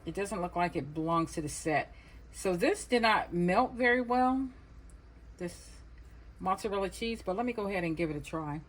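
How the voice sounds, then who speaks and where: A woman's voice: on the low side, animated, normal speed. A woman casually narrating her home cooking vlog, thinking aloud in an informal way. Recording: noisy home recording with clicks.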